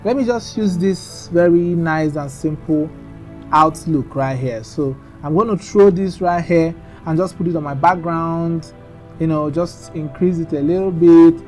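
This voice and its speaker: A man's voice: fairly high pitch, measured pace, darkish tone, faint music behind. Chatty man teaching a design tutorial. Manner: chatty, instructive, trailing off into mumbles. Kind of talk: screen-recorded design tutorial.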